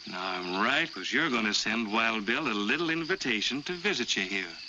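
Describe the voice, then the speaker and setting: An American actor playing a menacing Old West gang boss in a 1940s western, curt and commanding with folksy grammar. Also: male voice, on the low side, expressive, moderate pace, lightly acted. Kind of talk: 1940s western film acting. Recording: dull, noisy old film soundtrack.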